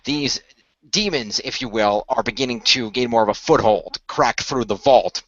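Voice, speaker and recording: As a game master, a man improvises in-character exposition for a role-play story, playing an earnest company insider who reveals a secret magical order. He explains things in a measured, hesitant way, his medium-pitched voice recorded dull with no echo.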